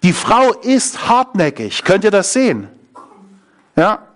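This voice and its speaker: A man's voice: high-pitched, very animated, takes it slowly, fairly bright tone. A man preaching a sermon, often asking his listeners questions. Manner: engaging, asks the audience questions.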